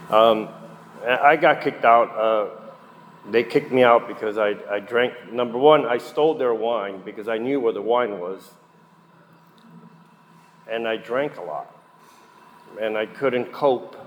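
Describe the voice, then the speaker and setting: A man's voice: on the low side, takes it slowly, pauses often, highs cut off. Middle-aged man speaking in a reverberant hall. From Puerto Rico, raised in New Jersey. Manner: candid, conversational, with frequent fillers. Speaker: guest speaker at a recovery meeting. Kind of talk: personal recovery testimony. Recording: long reverb in a hall, faint noise.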